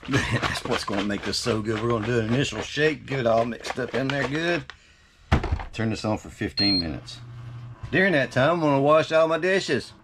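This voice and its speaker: A man's voice: medium pitch, noisy background. A man giving a casual recipe demonstration as a cooking host, folksy and chatty, often half talking to himself.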